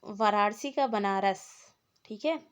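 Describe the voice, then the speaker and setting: A woman's voice: mid-range voice, slow pace, smooth. A woman teaching an exam-prep lesson, explaining points one by one and reading out lists of words. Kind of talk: exam-prep lecture on Hindi linguistics.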